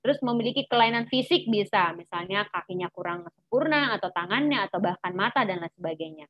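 A woman's voice: mid-range voice, expressive, fast, no echo, muffled recording. A woman teacher giving a chatty informal lesson to teens, full of fillers and acted-out taunts. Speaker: teacher giving an anti-bullying talk.

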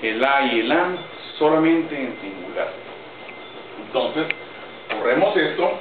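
Male teacher, deliberate lesson delivery, lively raised pitch; distant roomy sound. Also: crowd noise. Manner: slow, deliberate, spells out examples word by word. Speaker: English teacher. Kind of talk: grammar lesson in Spanish. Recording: roomy, distant, phone-like audio with faint noise.

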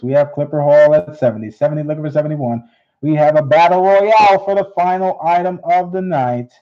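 A man hosting a live coin auction, repeating bids in steady auctioneer patter. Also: on the high side. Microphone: unseen, hands on camera. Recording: dull lo-fi stream audio.

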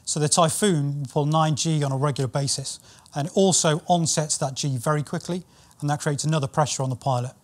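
A British man in his thirties with a slightly higher-pitched voice presents to camera. He explains technical matters in a measured way, as a company training specialist would. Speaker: company training specialist and former military pilot.

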